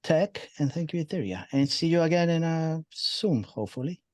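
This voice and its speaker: A man's voice: a little high, animated, normal speed, darkish tone. A man hosting a casual interview with a band, who rambles and repeats himself as he wishes his guests well. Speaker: interviewer and show host. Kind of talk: casual chat.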